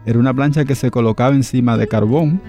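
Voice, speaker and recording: A man's voice: medium pitch, quick pace, dark tone, faint music behind. A middle-aged man from the Republic, a radio guest telling memories in a thoughtful, hesitant way with many fillers. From Dominican Republic. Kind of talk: reflective interview storytelling.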